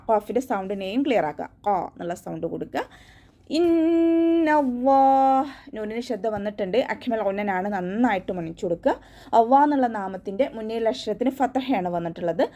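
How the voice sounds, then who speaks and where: Patient woman teaching Quran recitation. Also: mid-range voice. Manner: patient, step-by-step instruction, often ending with a soft "tto". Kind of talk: online tajweed lesson, explaining pronunciation and reciting verses.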